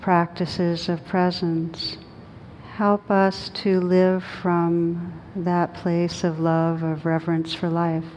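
Poor audio with a low rumble and clear background noise captures a woman guiding group meditation. Her fairly low voice keeps a level tone, gentle and slow, broken by long pauses between phrases.

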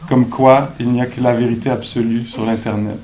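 A man giving a dharma talk at a meditation retreat, thoughtful and gently joking, pausing often with fillers. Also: mid-range voice, flat delivery, heavy background noise. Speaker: meditation teacher.

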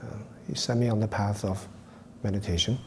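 A man from Taiwan, a meditation teacher giving a dharma talk to a retreat group. He speaks haltingly, with many fillers. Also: on the low side, steady tone, a little mellow, slight background noise.

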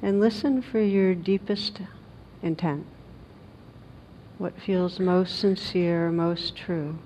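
Gentle and in no hurry, a woman teaching meditation guides listeners with long pauses and fairly even intonation. The recording sounds dull and carries noise and a rumble.

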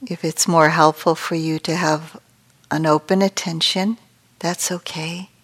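This low, steady-toned woman is a meditation teacher guiding listeners at an unhurried, gentle pace. Long pauses separate her soft phrases, which turn breathy as they close.

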